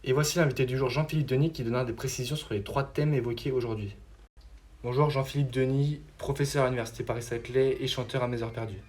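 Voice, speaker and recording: Firing off questions at a very quick pace, a young man runs a scripted quiz show in a steady announcer manner for every explanation. His voice is medium in pitch, with a dark, mellow tone.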